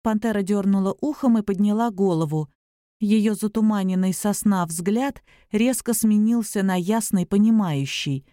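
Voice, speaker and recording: A woman narrating a fantasy novel in a measured, even storytelling manner, close to the mic. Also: mid-range voice, no room sound. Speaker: audiobook reader.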